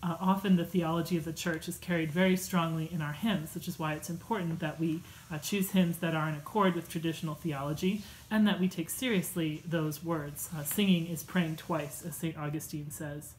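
A woman in her thirties at home, reading a church class lesson from her notes in a measured, earnest way with a few fillers. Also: deep voice, fairly even intonation, a little hiss or hum, poor audio. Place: home room with bookshelves.

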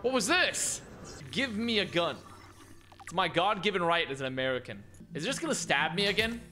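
High, animated young man gaming. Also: normal speed, a little hiss or hum. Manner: excitable, swears a lot, exclaims. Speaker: gaming streamer. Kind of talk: casual game commentary.

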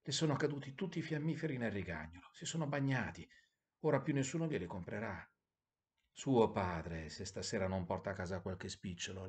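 A man voicing a gentle, grieving prince statue in a storybook, speaking soft and low.

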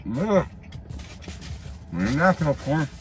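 A man casually reviewing fast food in a chatty, slangy, animated way, likely from a parked car. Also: a little high, soft background music.

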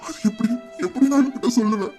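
Brief: someone playing an older fatherly man, doting and soothing, weighed by guilt, mid-pitched voice. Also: warm tone, faint music behind, natural voice. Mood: anguished. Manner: soothing, pleading, slowing into grief. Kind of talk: Tamil audio drama acting.

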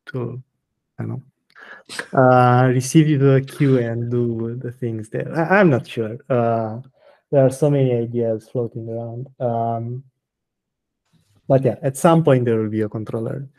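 A man's voice: medium pitch, fairly even intonation, a little slow, darkish tone. Hesitant man answering technical questions. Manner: hesitant, many restarts and fillers, blunt answers. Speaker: guest software maintainer. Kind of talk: technical interview.

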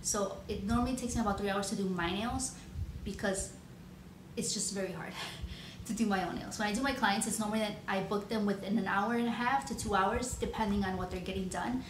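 A chatty nail artist vlogger in her thirties from Chicago, United States, does a casual Q&A vlog to the camera, rambling loosely with lots of ums and likes. Her voice is at a middle pitch for a woman. She's indoors in a home room with shelves, where the sound is echoey and a clear hiss runs underneath.

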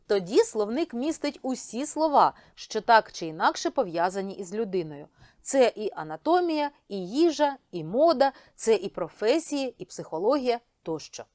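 A woman teacher explaining a video lesson, speaking clearly and addressing students directly. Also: medium pitch, a little mellow, no echo, studio quality.

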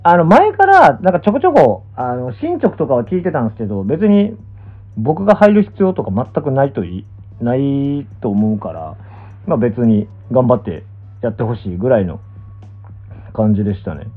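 A young man with a Kansai accent talks off the cuff in a casual stream chat. His pitch moves around a lot as he muses and hedges. The sound is narrow and phone-like, with faint music underneath. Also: very animated, normal speed, breathy edge. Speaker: pro gamer and streamer. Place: small indoor room, lying down. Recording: muffled, thin phone-like audio.

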